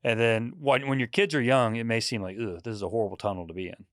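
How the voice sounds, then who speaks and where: A man's voice: medium pitch, steady tone, fast talker, no echo, studio quality. A man in his forties, a podcast guest chatting casually, who tells rambling stories and laughs often. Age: 40s. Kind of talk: casual chat.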